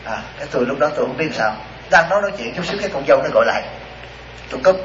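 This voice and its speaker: Animated monk preaching, roomy hall. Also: male voice, on the high side, very fast, slight background noise. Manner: animated, acts out voices in stories, rhetorical questions. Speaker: monk giving a dharma talk. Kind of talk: sermon with storytelling. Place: retreat hall. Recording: dull roomy hall recording.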